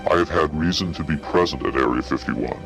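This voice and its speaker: A man heard through a disguised, pitch-shifted deep voice, giving guarded, curt and evasive answers as an anonymous interviewee. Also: fairly quick, vocal fry, over music.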